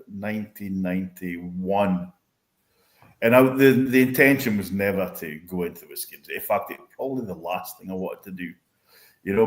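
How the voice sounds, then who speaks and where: A man's voice: sits low, a little mellow. A man in his fifties from north-east Scotland with a Doric accent, chatting casually and ramblingly about the past as an interview guest, using local dialect words. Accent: Doric north-east Scottish. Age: 50s. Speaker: interview guest, whisky industry veteran. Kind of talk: casual chat, reminiscing. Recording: roomy, echoing sound.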